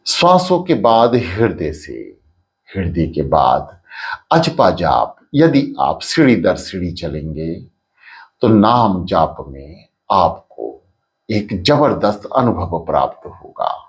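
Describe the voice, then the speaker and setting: Male meditation guide, very low and gravelly, slow and calm, pitch rises and falls widely. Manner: slow, calm, soft-spoken instruction with long pauses.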